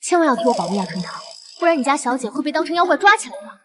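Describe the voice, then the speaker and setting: A woman's voice: sits high, sing-song, rapid-fire, noisy background. An actress playing a shrewd, self-assured young noblewoman with a wry, unflappable manner in a costume drama. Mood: wry, confident. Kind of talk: Chinese costume short-drama acting.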